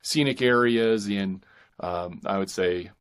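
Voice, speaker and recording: This podcast guest, a middle-aged author and pastor from northeastern California, has a deep, clear, resonant voice and an American accent. He takes his time, chatting casually in halting, wandering phrases during the interview.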